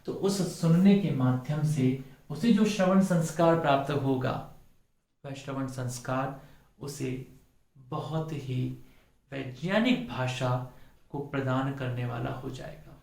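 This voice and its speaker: A man teaching a Sanskrit pronunciation lesson, slowly and deliberately modelling each sound and repeating words for his students. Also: medium pitch, gravelly, a little mellow. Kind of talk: classroom lecture on pronunciation. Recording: echoey room.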